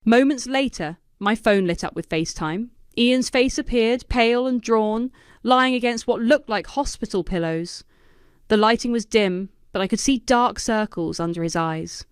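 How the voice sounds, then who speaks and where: Female narrator for a scripted story read, smooth voice, dry close sound. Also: a little high, moderate pace, no echo. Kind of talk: scripted first-person narration.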